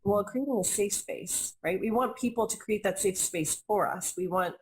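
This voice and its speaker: In a low-quality recording, a young adult woman guest talks at normal speed in a mid-range, slightly rough voice. She is an intuitive reader and healer in a conversational interview, earnest and reflective, frequently repeating phrases to stress them.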